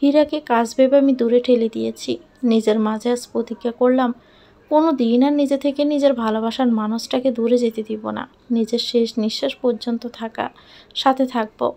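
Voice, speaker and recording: A woman narrating an emotional love story in the first person, in a soft, heartfelt and earnest way. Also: a little high, fairly even intonation, moderate pace, creaky.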